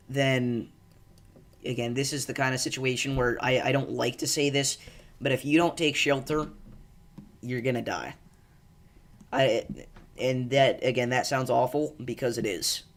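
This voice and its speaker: A man hosting live severe weather coverage, speaking with urgent, emphatic and repeated pleas in a halting, distressed delivery. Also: mid-range voice, a bit bright. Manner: urgent, emphatic, repetitive pleading warnings. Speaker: live storm coverage host.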